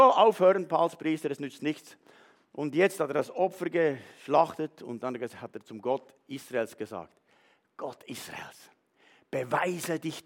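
A man's voice: on the high side, gravelly, a bit bright. A man preaching a sermon, retelling a story with animation and speaking straight to the congregation. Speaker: pastor.

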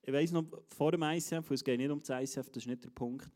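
A man's voice: medium pitch, fast talker, mellow. A man with a Swiss German accent preaching an enthusiastic sermon at a church service, speaking emphatically and straight to the congregation. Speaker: pastor.

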